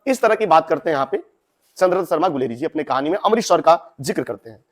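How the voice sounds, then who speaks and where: Chatty male teacher, high voice. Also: expressive, fast. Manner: chatty, addresses students directly with asides. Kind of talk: explaining a Hindi story to students.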